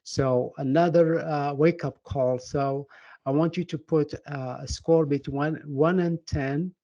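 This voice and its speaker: A middle-aged man from Morocco with a Moroccan accent, giving a webinar talk as a project management coach in an earnest, halting way full of fillers and restarts. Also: fairly high pitch, steady tone, mellow, dry recording, muffled recording. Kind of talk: webinar presentation.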